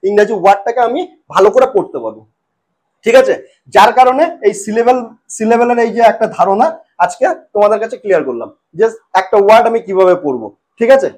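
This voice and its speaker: High-voiced man teaching a lesson. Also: expressive, a little mellow. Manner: repeats words slowly and checks in often. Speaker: English teacher. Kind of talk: spoken lesson.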